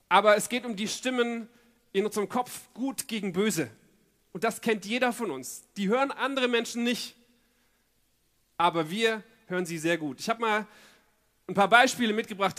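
A man preaching a sermon, telling stories earnestly with lively emphasis. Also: high-pitched.

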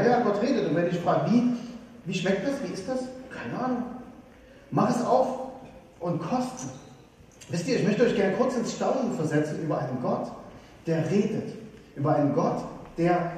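A man from Saxony preaching a sermon, lively and putting questions straight to his congregation. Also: high voice. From Saxony, eastern Germany. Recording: echoey hall, voice from a distance.

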